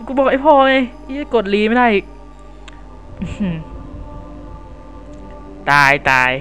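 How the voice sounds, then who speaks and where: A young man giving crude, jokey commentary over a horror game, swearing loudly at scares and joking to his viewers. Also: very high-pitched, sing-song, unhurried, poor audio. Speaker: gameplay commentator. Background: game music.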